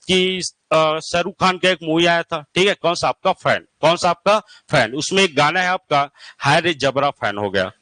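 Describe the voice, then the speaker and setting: A man's voice: high-pitched, pushed and bright, no room sound. A man teaching an exam-prep lecture, drilling points by asking questions and answering them himself, often checking if the class follows. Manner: repetitive call-and-response drilling, asks and answers himself.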